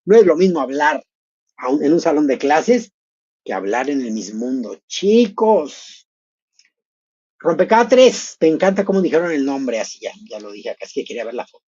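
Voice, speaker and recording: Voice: medium pitch, moderate pace, slightly rough, no room sound, dull audio. Chatty middle-aged pageant host. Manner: expressive, chatty, addresses viewers directly. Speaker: live stream host. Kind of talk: live pageant commentary, reading chat.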